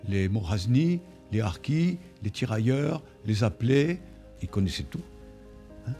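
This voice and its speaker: A man's voice: fairly low pitch, lively intonation, unhurried, dark tone. An older man, an army veteran, talking informally in an interview. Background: faint music.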